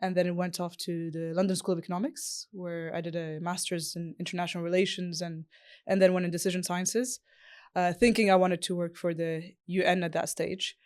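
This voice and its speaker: Female founder from Morocco, guest on a podcast, with a smooth, clear voice. Talks fluently, thinks out loud, and uses many "uh"s. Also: on the low side, little pitch movement, fairly quick. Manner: fluent, thoughtful, with frequent fillers. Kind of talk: interview answers.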